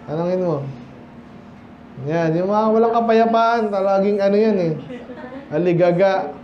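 The Filipino pastor's high voice comes a little slow as he leads a midweek Bible study in a church hall, chatting with the congregation, asking them questions, and switching between English and Tagalog. The room is echoey, the recording muffled, with a little hiss or hum.

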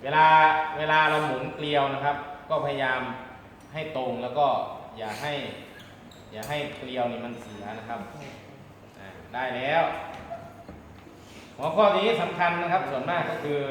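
A man's voice: mid-range voice, a bit bright. A man giving a hands-on demonstration lesson as an instructor, explaining politely step by step. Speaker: radio communications instructor. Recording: very echoey room, background noise.

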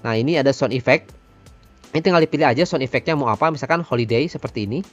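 A man, giving an informal software tutorial and addressing viewers like friends. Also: medium pitch, rapid-fire, muffled recording, faint music behind. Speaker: tutorial presenter.

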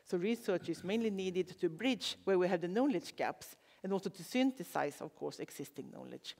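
Higher-voiced man in a reverberant hall. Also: expressive, normal speed, vocal fry, darkish tone. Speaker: panelist. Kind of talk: conference panel remarks.

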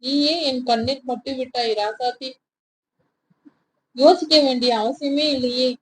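A woman's voice: high-pitched, fairly even intonation, a little slow, slight background noise, rough recording. A woman voicing a fond, doting older aunt who speaks affectionately.

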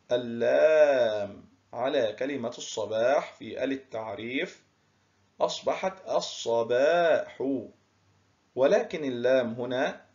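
Male teacher, unhurried, drawn-out word stress, mid pitch, muffled lo-fi sound. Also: darkish tone. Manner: slow, drawn-out word stress, praising pupils. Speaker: primary school teacher. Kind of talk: recorded classroom lesson.

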